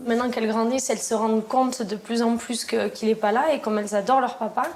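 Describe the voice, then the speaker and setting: A woman with a southern French accent from Lozère, speaking in a slightly raised register. She talks haltingly, often restarting her sentences and filling pauses. The recording carries a clear layer of background noise. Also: a little high, steady tone. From Lozère, southern France. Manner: hesitant, with frequent restarts and fillers. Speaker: French teacher and choir leader. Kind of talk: casual documentary interview.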